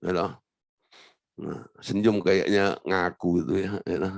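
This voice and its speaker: A man preaching a lively sermon as pastor, acting out whiny beggar prayers with humor. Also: deep voice, measured pace, creaky, slight background noise. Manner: animated, acts out whining prayers in a mocking voice.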